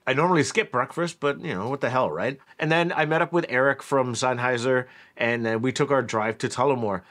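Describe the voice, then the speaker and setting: A man from Canada narrating a casual vlog about a factory trip in a relaxed, chatty way with lots of fillers. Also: mid-range voice, a little fast. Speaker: vlogger, headphone reviewer.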